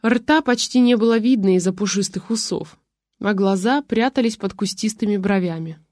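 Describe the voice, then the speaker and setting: A woman's voice: mid-range voice, moderate pace, darkish tone, dry recording. Woman narrating a story, dry close sound. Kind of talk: first-person audiobook narration.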